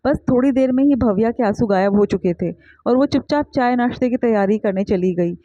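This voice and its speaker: A woman narrating a scripted family story in a steady, even storytelling voice on a dull lo-fi recording. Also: a little high, brisk, no echo.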